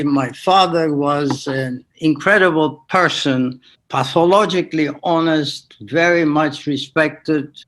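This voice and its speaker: An older man from Turkey whose first language is French, slowly recalling his early life in an interview, with halting restarts. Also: on the high side, fairly bright tone, slight background noise. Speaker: guest surgeon. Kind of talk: interview reminiscing.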